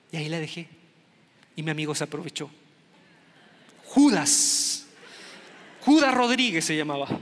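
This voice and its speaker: A middle-aged man from Chile telling a comic story to an audience, animated and acting out the voices of the people in it. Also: on the high side. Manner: animated, acts out quoted voices. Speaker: stand-up comedian. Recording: long hall reverb.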